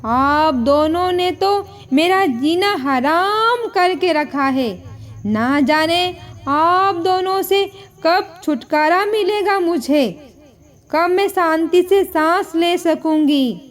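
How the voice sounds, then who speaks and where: Woman putting on a furious young daughter-in-law, high shrill voice, shouting, accusing, storybook drama. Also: slow. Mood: angry.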